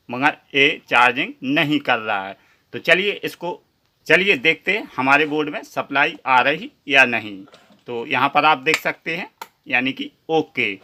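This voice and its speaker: A man's voice: mid-range voice, bright, forceful tone. A man hosting a step-by-step repair tutorial in speech, chatty and addressing viewers as friends.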